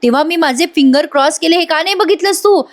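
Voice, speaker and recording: A woman voicing a young husband who teases and brushes things off, in her own higher voice. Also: quick pace. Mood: teasing. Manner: teasing, coaxing. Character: teasing young husband, playful and dismissive.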